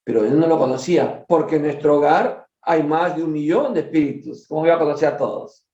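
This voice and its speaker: A man's voice: on the high side, brisk, mellow. A man leading a study group, reading a book aloud and breaking off to comment to his listeners in a conversational way. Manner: conversational, with frequent asides to listeners. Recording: echoey dull lo-fi room.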